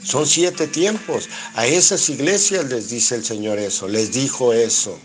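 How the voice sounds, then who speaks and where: A Mexican man preaches a Bible study, reading verses and then explaining them in his own words. He asks himself rhetorical questions and answers them. His voice sits at an ordinary middle pitch, with faint guitar music playing behind him. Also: a little slow. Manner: reads scripture aloud and explains it line by line.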